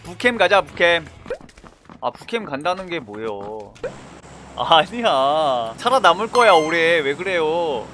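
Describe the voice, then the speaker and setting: A man streaming a battle game, chatting casually with viewers in a playful, boastful, teasing way and breaking into sudden shouts. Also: a little high, big pitch swings, a little slow, a little hiss or hum. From Korea. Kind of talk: casual gameplay commentary.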